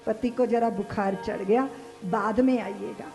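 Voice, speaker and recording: A woman voicing an anxious young wife who covers for her husband, talking softly and pleading in a devotional story. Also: medium pitch, steady tone, a little slow, gravelly, faint music behind, pitched below the performer's own voice.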